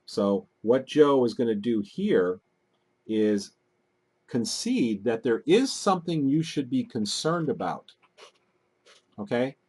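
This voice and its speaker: A man commenting on video clips in a deliberate, analytical way, with frequent fillers. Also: medium pitch, sing-song, a little mellow, husky. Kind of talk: casual commentary.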